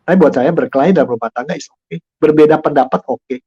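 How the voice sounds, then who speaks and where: Older man, guest speaker, animated, acts out quoted lines, laughs a lot, fairly high voice. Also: quick pace, husky, lo-fi sound. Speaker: guest speaker, lecturer and author. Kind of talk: casual talk show conversation.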